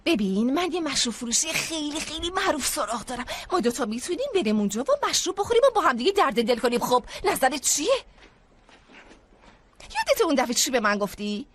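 A woman voicing a brisk female hospital psychiatrist in a dubbed drama, soothing patients and ordering staff around. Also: high voice, sing-song, a bit bright. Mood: persuasive.

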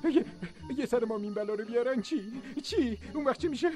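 A man's voice: very high-pitched, steady tone, mellow. A man dubbing a jittery, easily frightened young man who repeats himself nervously in a drama. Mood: panicky. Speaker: dubbing actor. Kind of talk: dubbed drama acting. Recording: music score behind dialogue.

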